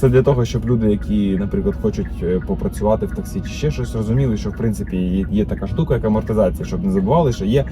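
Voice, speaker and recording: A man's voice: lowish voice, racing, few pauses. A man vlogging as a taxi driver, chatting casually while he drives. He thinks aloud, with lots of filler sounds and restarts. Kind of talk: casual chat while driving. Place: inside a car while driving. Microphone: phone camera mounted in the car. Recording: car recording with background music. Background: background music and car noise.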